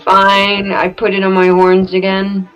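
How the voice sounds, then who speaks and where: A woman's voice: medium pitch, monotone, unhurried, soft background music, poor audio. A woman chatting casually as a player in a tabletop game.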